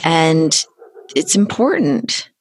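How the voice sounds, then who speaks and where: A woman's voice: low voice, big pitch swings, slow, darkish tone, a little hiss or hum. A woman hosting a podcast and talking casually, in a candid, reflective way that often trails off. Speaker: podcast host. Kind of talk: casual conversation.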